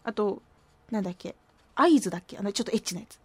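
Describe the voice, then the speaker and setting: A woman's voice: medium pitch, rapid-fire, slightly rough, no room sound. A woman hosting a radio show, chatting casually and reading listener posts in a playful, self-mocking way with a slight lilt. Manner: playful, self-mocking, puts on silly voices.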